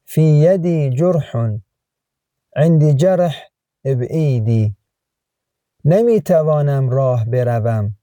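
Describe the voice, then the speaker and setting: A man, reading phrasebook lines one by one in a slow, measured lesson style. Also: fairly high pitch, dark tone, no room sound, clean studio sound. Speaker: language teacher.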